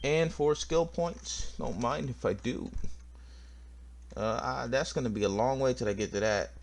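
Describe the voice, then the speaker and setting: A man's voice: mid-range voice, unhurried, gravelly, slight background noise. A man giving casual, joking gameplay commentary and teasing himself as he plays. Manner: joking, playful, self-mocking. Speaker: let's-play gamer. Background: faint game music.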